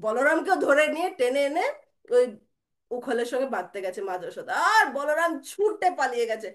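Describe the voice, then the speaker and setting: A woman telling a devotional story in an animated, dramatic way. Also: high-pitched, brisk.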